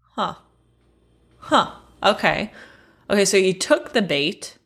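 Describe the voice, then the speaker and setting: A woman's voice: medium pitch, expressive, takes it slowly, a bit bright, slightly rough. Earnest, playful woman podcast co-host. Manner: earnest, playful, asks many questions. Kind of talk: casual comedic chat.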